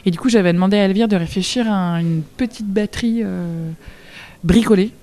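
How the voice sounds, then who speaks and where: A woman's voice: medium pitch, a little fast, dark tone. A woman musician being interviewed on the radio, talking chattily and enthusiastically, with frequent restarts and easy laughter. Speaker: musician guest.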